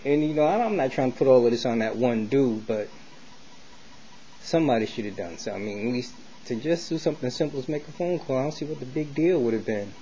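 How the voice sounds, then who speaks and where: This American vlogger talks fast and expressively in a dark-toned, medium-pitched voice, sharing opinions in a casual, rambling monologue. He leans on street slang and often circles back to repeat himself. Audio quality is dull lo-fi with faint noise.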